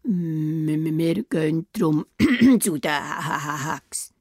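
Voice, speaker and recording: A woman voicing a timid, frightened young male wolf, speaking low, hushed and stammering, with a Swiss German accent. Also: steady tone, slow, breathy edge, no room sound, studio quality, exaggerated voice. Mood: scared.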